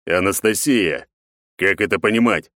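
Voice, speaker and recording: A cold, contemptuous emperor who speaks slowly and growls his scorn, as a male narrator voices him. He is read from a storybook in a dry, close recording. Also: sits low, fairly bright tone, no echo.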